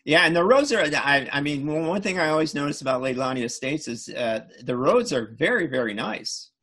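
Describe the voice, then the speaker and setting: A middle-aged podcast host runs a casual interview chat, friendly and affable, full of agreeing "yeah"s and other fillers. His voice is on the high side, animated, fairly quick, and fairly bright.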